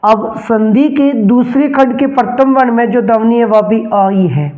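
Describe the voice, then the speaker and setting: A man's voice: very high-pitched, measured pace, phone-quality sound. A man teaching a grammar lesson, repeating each term and asking and answering his own questions.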